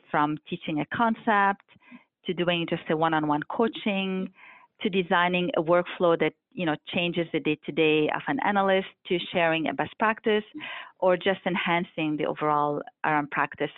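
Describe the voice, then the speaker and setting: A woman in her forties from Lebanon speaks in a fairly low voice, measured and full of ums and uhs. The sound is thin and phone-like, and very dry with no room to it. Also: no room sound. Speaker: airline revenue management guest. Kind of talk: casual interview answers. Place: Montreal office. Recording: tinny phone-like line, dry.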